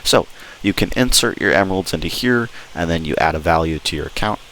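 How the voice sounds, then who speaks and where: A man with a deep voice talks viewers through a game in a casual, informal way. He sounds enthusiastic as he explains things. There is audible noise in the recording behind him. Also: expressive, fairly quick, fairly bright tone, rough recording. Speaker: video host. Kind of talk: casual gameplay walkthrough commentary. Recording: clear background noise.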